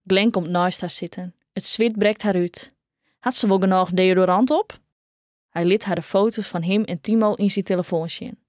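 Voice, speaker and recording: Brief: Frisian-accented woman narrator, steady audiobook read, mid pitch, dry close mic. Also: moderate pace, dry recording. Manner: steady storytelling. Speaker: audiobook reader.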